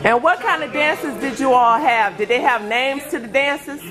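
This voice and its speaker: Very high-voiced man asking casual questions. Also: normal speed, over music. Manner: prompting, casual, breaks into chuckles. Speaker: interviewer. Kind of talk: oral history interview questions.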